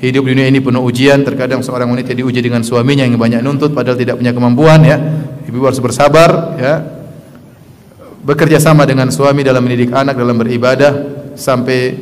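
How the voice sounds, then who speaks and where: A male preacher giving a sermon to women, tagging his phrases with a repeated "ya" and swinging from loud emphasis to soft asides. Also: medium pitch, little pitch movement, fast talker. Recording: long reverb of a hall.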